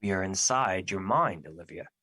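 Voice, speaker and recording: An actor in an audio drama playing Fear personified, a solemn, protective immortal who speaks formally and earnestly, full of remorse. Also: male voice, low voice, animated, normal speed, bright, forceful tone, no room sound, studio quality, heavily acted. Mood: calm, reassuring. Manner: formal, stilted, earnest phrasing without contractions.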